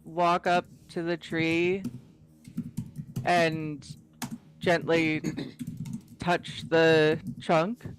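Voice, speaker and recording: Very slow, hesitant tabletop player. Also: medium pitch, level tone. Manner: hesitant, many "uh"s. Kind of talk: tabletop role-play.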